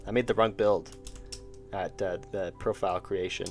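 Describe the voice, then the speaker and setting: A deep, steady male voice at normal speed, with faint music behind, belongs to a streamer and indie game developer. Drawing live, he chats casually and thinks aloud with restarts and chuckles, his voice wearing out as he loses it.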